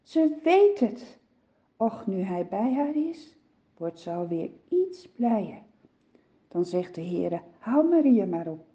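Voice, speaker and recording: A woman narrating a children's Bible story gently and expressively, with soft sighs. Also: medium pitch, lively intonation, slow pace, highs cut off.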